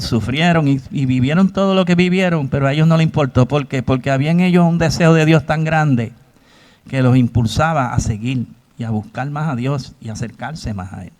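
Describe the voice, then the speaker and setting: A man's voice: on the high side, darkish tone. A man preaching a sermon, often asking the congregation rhetorical questions and acting out quoted voices.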